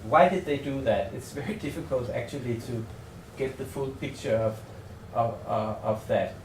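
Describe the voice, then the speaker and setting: A Danish man with a Danish accent gives a semi-improvised research presentation in a hotel seminar room, his voice average in pitch and a little mellow. He speaks tentatively and haltingly, often repeating words as he works out his phrasing. The room is echoey, and he's recorded from a distance with faint noise behind him.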